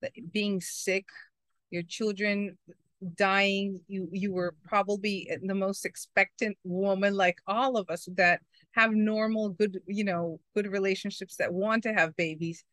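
A woman's voice: mid-range voice, steady tone, a little slow, fairly bright tone, dry recording. A woman hosting an interview, speaking effusively and affirming her guest. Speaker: host. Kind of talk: broadcast interview.

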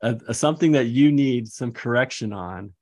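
A man's voice: medium pitch, moderate pace, a little mellow. A man co-hosting a casual scripture teaching discussion, easygoing and filler-heavy, laughing lightly as he talks.

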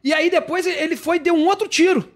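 High-voiced fast-talking Brazilian man. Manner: animated, joking, acts out voices in his stories. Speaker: comedian. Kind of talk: casual podcast chat, storytelling.

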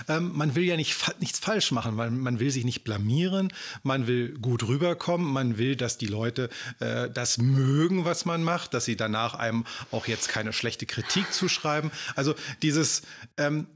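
A man's voice: mid-range voice, fairly bright tone, slightly rough. A man hosting a casual studio talk, chatty and hesitant with frequent fillers.

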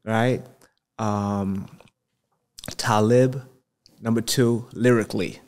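A man's voice: fairly low pitch, steady tone, slow pace, a little mellow. A man with a Brooklyn accent in casual podcast chat, slangy and conversational, often saying "you know". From Brooklyn, New York. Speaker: podcast guest, real estate entrepreneur.

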